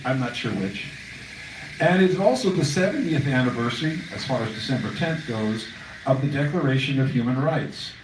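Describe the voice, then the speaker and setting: A man's voice: on the high side, a little mellow, recorded from a distance, slight background noise. A man hosting a poetry open mic in a cafe, rambling through announcements with wry asides. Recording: echoey cafe room recorded from afar.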